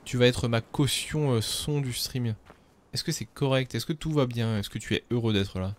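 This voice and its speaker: A man's voice: medium pitch, normal speed. Jokey French-speaking male streamer. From France. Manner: jokey and self-mocking. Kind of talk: casual gameplay commentary.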